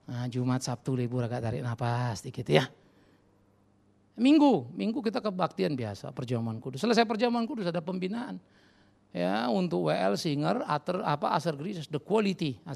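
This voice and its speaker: A man's voice: mid-range voice, gravelly, a little mellow. A middle-aged male pastor preaching a fiery sermon in church, scolding and addressing the congregation directly.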